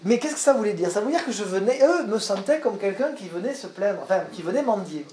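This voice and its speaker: A man, an actor, telling a personal story to an audience in a lively way and often repeating words as he searches for them. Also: sits high, fast talker, echoey room. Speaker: stage actor and director.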